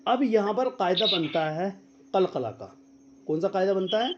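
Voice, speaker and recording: A man with a high, very animated voice leads an online Quran class. He quizzes his students and drills letters slowly. The sound is dull and lo-fi, like a video call. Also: noisy background. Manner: quizzes students and repeats their answers. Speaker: Quran teacher. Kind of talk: online tajweed lesson.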